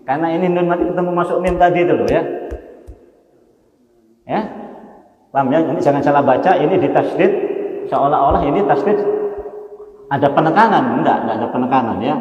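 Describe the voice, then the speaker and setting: A man's voice: on the high side, a little mellow. Male teacher in an echoing hall. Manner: explains patiently, often checks understanding with rhetorical questions; chants Quranic verses slowly in Arabic. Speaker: Islamic teacher. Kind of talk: Quran study lesson. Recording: echoey hall, dull lo-fi sound.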